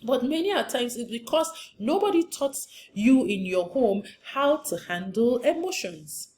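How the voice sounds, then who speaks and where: A woman's voice: fairly high pitch, big pitch swings, a little slow, darkish tone, a little hiss or hum. A woman marriage counselor giving an earnest, emphatic teaching talk, often repeating her points for stress.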